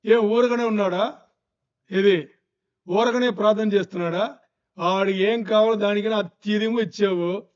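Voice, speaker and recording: A man's voice: high voice, fairly even intonation, moderate pace, long pauses, smooth, natural voice. Brief: male preacher doing Satan, sly and scoffing, light touch, lo-fi sound. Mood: mocking.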